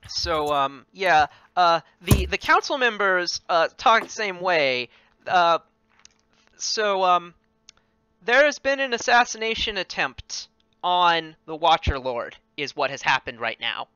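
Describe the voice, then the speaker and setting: A man running a tabletop game as game master, halting with many ums and restarts. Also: sits high, expressive, sharp tone, clear, resonant tone. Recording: dry, muffled voice chat.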